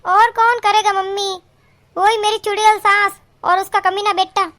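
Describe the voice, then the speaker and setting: A woman's voice: very high voice, level tone, unhurried, pushed and bright, no echo, exaggerated voice. A woman voicing an unhappy young married woman in a cartoon, complaining emphatically about her in-laws. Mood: aggrieved. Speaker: daughter. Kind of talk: cartoon voice acting.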